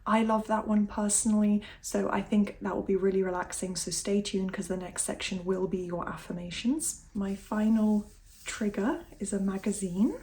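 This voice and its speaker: A woman hosting an ASMR video, speaking softly in a motivational talk. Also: mid-range voice, steady tone, moderate pace.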